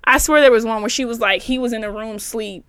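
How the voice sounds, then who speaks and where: A woman's voice: fairly high pitch, a little fast, fairly bright tone, clear, resonant tone, no room sound. A young woman co-hosting a podcast in casual chat, blunt and profane, laughing often. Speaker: podcast co-host.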